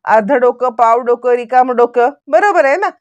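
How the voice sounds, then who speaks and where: A woman's voice: on the high side, expressive, normal speed, dull audio, lightly acted. A woman reading out the lines of a scheming, sarcastic middle-aged man from a television serial, in a mocking, taunting tone.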